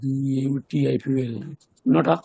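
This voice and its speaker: A man's voice: medium pitch, fairly even intonation, slow, gravelly, warm tone, slightly rough. A man student in an online class asking the teacher to repeat a point, hesitant and unsure. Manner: hesitant, asks for repetition.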